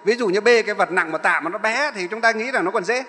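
Bright-voiced monk telling a story. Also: male voice, sits high, quick pace, slight background noise. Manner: rambling, repeats and corrects himself. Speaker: Buddhist monk, abbot. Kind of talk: sermon storytelling. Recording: echoey hall.

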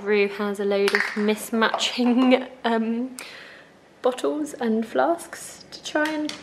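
Young woman, casual home vlogger, rambly and filler-heavy, recorded with a clear background hum. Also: fairly high pitch, fairly even intonation, slow pace. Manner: chatty, rambling, lots of fillers. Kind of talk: casual kitchen vlog narration. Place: home kitchen. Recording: noisy kitchen recording.

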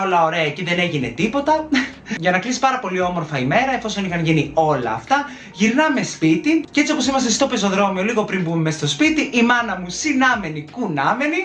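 A man recounts a chaotic day straight to his viewers, in casual story time style. His voice swings widely up and down as he dramatizes every turn and plays the people he quotes. The sound is roomy, with clear echo off the walls. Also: sits high. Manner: animated, dramatic retelling with acted-out quotes. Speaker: storytelling vlogger. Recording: roomy echoey room.

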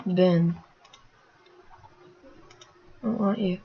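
A woman casually narrating her gameplay as a channel host, rambling with many fillers and sudden excited outbursts. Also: on the low side, very slow, slightly rough, muffled recording.

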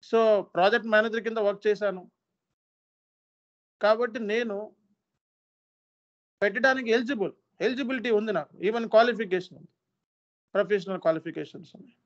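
Stern high-voiced man lecturing trainees. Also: fairly quick, long pauses. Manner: stern, lecturing, repeats points for emphasis. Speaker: SAP training instructor. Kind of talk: earnest appeal to trainees. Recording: dull lo-fi sound.

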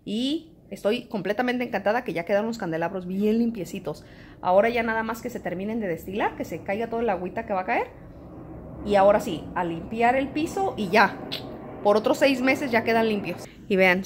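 A woman, chatting to camera in a home vlog and telling stories in an animated way. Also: medium pitch, a little fast, a little hiss or hum. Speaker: home vlogger. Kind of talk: casual chat to camera.

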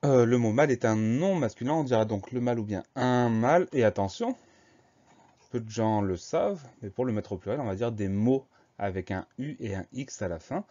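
A man teaching a spelling lesson at a calm, patient pace. He spells each word out letter by letter. The recording sounds a little dull and lo-fi. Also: medium pitch, moderate pace.

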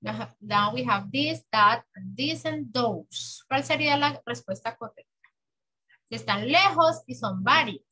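A woman teaching English to children, patiently drilling words slowly and clearly in a bilingual lesson. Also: a little high, lively intonation, pushed and bright, poor audio. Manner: patient, exaggerated slow pronunciation for children. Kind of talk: bilingual classroom lesson, slow drilled repetition.

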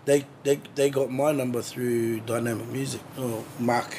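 A man's voice: mid-range voice, fairly even intonation, moderate pace, dark tone, slight background noise. A man chatting casually as a guest, laid-back and full of swearing and slang. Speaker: drummer, interview guest. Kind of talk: casual chat.

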